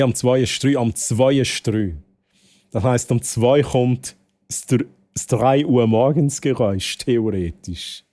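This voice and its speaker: Mellow and medium in pitch, this man's voice carries a Swiss German accent as he, a Swiss game streamer, chats casually with viewers. He rambles, repeats phrases and mixes in some English words.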